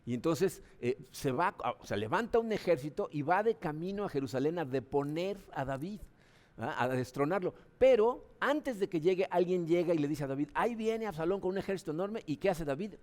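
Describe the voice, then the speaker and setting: A man's voice: expressive, brisk, a little mellow. A man, a Mexican pastor, preaching a sermon in a conversational way, often tagging his sentences with a questioning "no?". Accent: Mexican Spanish. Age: adult, father of children. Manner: conversational preaching, frequent "¿no?" tags; acts out voices with sudden high pitch jumps.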